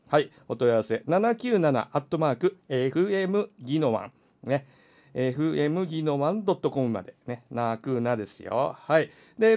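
A man hosting a radio show from a studio, talking in a loose, chatty style and tagging his sentences with friendly little asides. His voice has a gravelly edge. His pitch rises and falls a lot as he talks. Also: darkish tone. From Nagoya area, Japan. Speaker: radio host. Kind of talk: casual radio chat.

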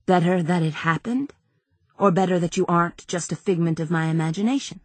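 A sardonic young woman, worn down by injury, trades dry, cutting remarks, as a woman narrator reads her. The voice sits low and husky in a dry, close space. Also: fairly quick, no echo, natural voice. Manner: dry, sarcastic.

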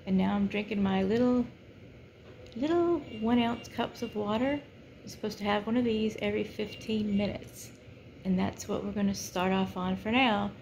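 Middle-aged woman, American accent, creaky voice, subdued and halting post-surgery talk, casual phone diary, some background room noise. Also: medium pitch, a little mellow. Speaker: vlogger. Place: small hospital room, in bed. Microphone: phone at arm's length.

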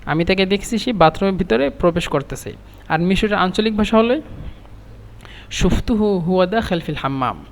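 A man teaching Arabic phrases, repeating each phrase slowly and then translating it. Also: high-pitched, expressive, in a large hall, slight background noise.

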